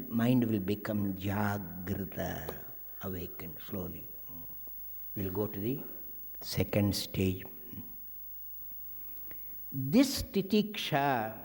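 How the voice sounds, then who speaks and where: A man's voice: mid-range voice, darkish tone. A man giving a spiritual discourse, telling anecdotes and chanting Sanskrit verses. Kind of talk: sermon. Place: ashram discourse hall. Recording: echoey hall.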